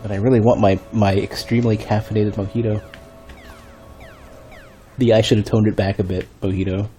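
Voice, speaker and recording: Speaking into a desk microphone while streaming a game, a man talks half to himself in a low, bass-heavy voice that sounds dark, relaxed, and a bit stuffy. He rambles casually about the gameplay a little fast, circling back and restarting sentences as he thinks aloud, with soft game music underneath.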